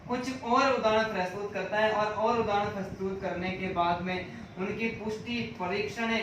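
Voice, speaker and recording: A man's voice: sits high, steady tone, normal speed, noisy background. Man lecturing in a far-off, echoing room. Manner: repeats each question and answers it himself, drilling points. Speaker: teacher. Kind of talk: exam-prep lecture.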